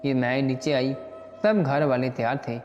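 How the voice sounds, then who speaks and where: A man reading a scripted first-person story as a storyteller, in a steady, earnest way. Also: mid-range voice, a little slow. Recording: dull lo-fi recording with long reverb and faint music.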